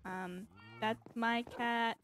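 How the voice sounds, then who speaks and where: A woman hosting a casual game tour, talking in a relaxed, chatty way with lots of ums, and her S sounds come out like a lisp. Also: fairly high pitch, drawn-out words, noisy background. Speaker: channel host giving a game tour. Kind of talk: casual gaming chat.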